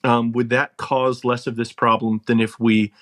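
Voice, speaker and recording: A man's voice: medium pitch, little pitch movement, normal speed, fairly bright tone. A man talking as a podcast guest, making his case in an emphatic, earnest way and laughing between points. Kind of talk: casual conversational argument.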